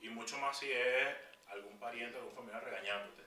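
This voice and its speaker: A Venezuelan man co-hosting a podcast, calmly explaining things in casual chat. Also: medium pitch, fairly quick, reverberant, recorded from a distance. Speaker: podcast co-host.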